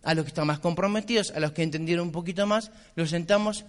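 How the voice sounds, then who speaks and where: A man delivers a motivational speech as a business mentor. He speaks with a high voice and drives his points home bluntly, repeating them insistently. His voice rings out with the long reverb of a hall. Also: fast talker. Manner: blunt, insistent, repetitive exhortation.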